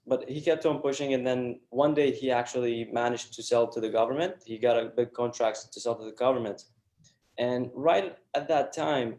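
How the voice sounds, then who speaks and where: A young man speaks as an interview guest. He talks earnestly, leaning on fillers and restarting his sentences. His voice sits at a middle pitch and rings with a noticeable room echo. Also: darkish tone. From Iraq. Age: 20s. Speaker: guest entrepreneur. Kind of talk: casual interview talk.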